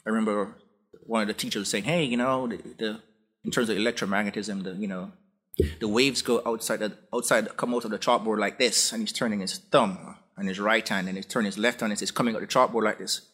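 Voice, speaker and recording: A Jamaican man in his forties, a guest professor, tells his story in a relaxed, rambling way that often restarts. His voice is slightly low and husky, with a breathy edge. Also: quick pace. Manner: relaxed, anecdotal, frequent restarts. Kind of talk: conversational interview storytelling.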